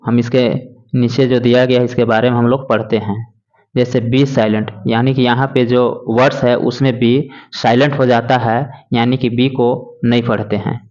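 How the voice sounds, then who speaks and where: A man teaching a lesson, slowly and patiently spelling out words letter by letter. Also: mid-range voice, darkish tone. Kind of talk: classroom lesson explaining English words in Hindi. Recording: dull lo-fi recording.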